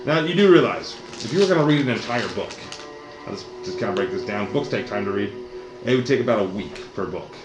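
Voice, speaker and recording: A man narrating a tabletop role-playing game as dungeon master, explaining the rules in a relaxed, plain way. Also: on the low side, fast talker. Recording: roomy recording with background music. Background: background music.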